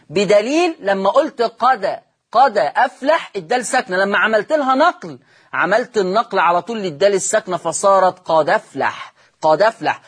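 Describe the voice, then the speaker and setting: A man with an Egyptian accent teaching Quran recitation rules on television. He explains step by step, asks questions and answers them himself, and slows into chanting for the examples. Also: sits high, a bit bright, husky. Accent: Egyptian Arabic.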